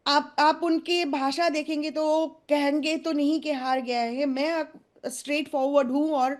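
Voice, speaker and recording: A woman with a high voice gives blunt opinions as a guest on a televised debate panel. She talks in halting bursts, often pausing before driving a point home. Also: steady tone. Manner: outspoken, halting, with many hesitations.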